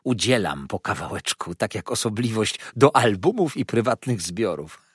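A man reading an audiobook, voicing a chattering, coquettish little dwarf woman in a high, squealing voice that rattles on with sly gossip. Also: very animated, normal speed, husky, dry recording, clean studio sound. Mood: gossipy. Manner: shrill, bustling and gossipy, with sudden high squeals. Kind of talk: audiobook character voice.

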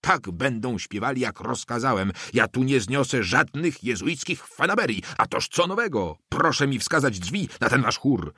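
Mężczyzna czytający głosem wyniosłego, rozkazującego inspektora szkolnego, oburzonego i apodyktycznego. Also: male voice, on the low side, normal speed, hardly any pauses, dry recording, clean studio sound, lightly acted. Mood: indignant. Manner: haughty, commanding, indignant. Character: pompous, irate male school inspector, official.

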